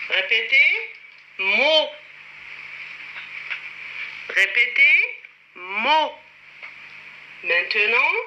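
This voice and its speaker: A woman teacher speaks very slowly to young children, stretching each syllable and counting strokes aloud. Her fairly high voice swings up and down a lot as she asks them to repeat after her. The recording is dull and lo-fi, with clear steady noise behind her. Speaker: primary school French teacher. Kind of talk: slow classroom instruction for children.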